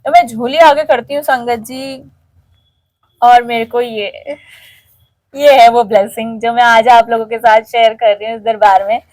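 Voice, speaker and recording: High-pitched woman, middle-aged, emotional devotional testimony, dry recording. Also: fairly even intonation, normal speed, darkish tone, no echo. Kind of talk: emotional spoken testimony to a congregation.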